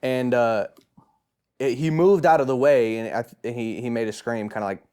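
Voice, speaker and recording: A young man co-hosting a podcast, telling a spooky story in a lively way, laughing and calling his friend bro. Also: mid-range voice, normal speed, smooth. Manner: animated, laughing, says bro a lot. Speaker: podcast co-host. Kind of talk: casual chat, telling a scary anecdote.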